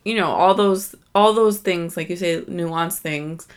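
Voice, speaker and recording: A woman's voice: fairly low pitch, unhurried, clear, resonant tone. An American woman co-hosting a podcast with her husband, speaking in a thoughtful, agreeable way with many fillers. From United States. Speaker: podcast co-host. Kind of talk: casual chat.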